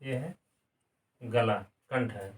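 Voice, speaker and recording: A man's voice: medium pitch, extremely slow. A male grammar teacher giving a classroom lesson, asking questions and answering them himself, repeating key words. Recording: distant mic, some room sound.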